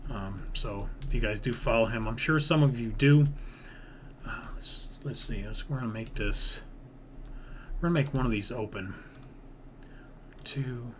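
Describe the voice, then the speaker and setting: Narrating an episode of his own game build series, a male gaming creator with an average-pitched voice thinks aloud in a loose, rambling way, half-muttering counts and dropping mild swears. Clear background noise and typing surround him as he records indoors at a computer.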